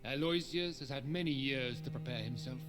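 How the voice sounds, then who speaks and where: An actor voicing a haughty aristocratic vampire lord in a video game, with a ceremonious, commanding manner. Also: male voice, mid-range voice, brisk, close to an everyday voice. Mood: smug, assured. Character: haughty aristocratic male vampire lord, chairman of gentlemen's club. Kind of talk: dramatic video game acting. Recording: music behind the voice.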